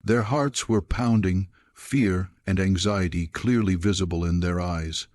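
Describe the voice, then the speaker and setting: A man narrating a scripted story in an even, measured way. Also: low voice.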